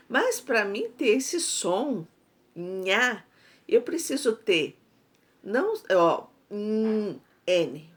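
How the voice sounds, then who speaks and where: A Brazilian Portuguese woman teaching a first-grade class, patiently explaining and sounding out syllables. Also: fairly high pitch. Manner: patient, drawn-out syllables, frequent "tá?". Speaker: primary school teacher. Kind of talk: slow explanatory class lesson.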